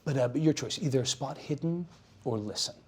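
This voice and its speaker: A man working as game master, improvising narration for a tabletop game in casual, descriptive, halting phrases. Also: mid-range voice, a little mellow, husky.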